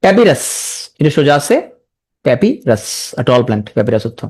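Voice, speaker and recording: A spelling teacher, who sounds out words slowly syllable by syllable and repeats them, with joking asides to a large class. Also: mid-range voice, big pitch swings, darkish tone.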